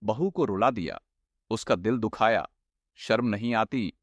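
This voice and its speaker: A woman putting on a stern older father-in-law with a pitched-down voice for a cartoon story; he scolds protectively. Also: measured pace, dry recording. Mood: scolding.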